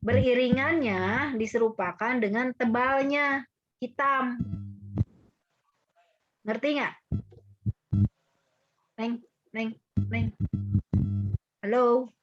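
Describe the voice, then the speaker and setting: A woman's voice: on the high side, very slow, pauses often, dull audio, soft background music. A woman teacher, leading an online class and coaxing her students with repeated questions.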